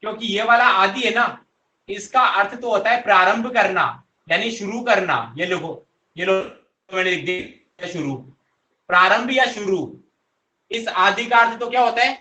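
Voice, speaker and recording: Bright-voiced male teacher, echoey room. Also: sits high, moderate pace. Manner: repeats questions and answers them himself; coaxing, addresses students directly. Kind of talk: online Hindi grammar class.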